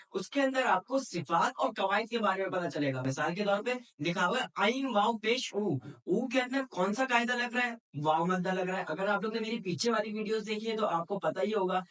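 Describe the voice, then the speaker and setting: Guy teaching quran recitation, asks questions then answers them, stretches syllables slowly, bit far from mic. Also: high-pitched, fairly bright tone. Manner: explanatory, poses rhetorical questions and answers them. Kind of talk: step-by-step tajweed lesson.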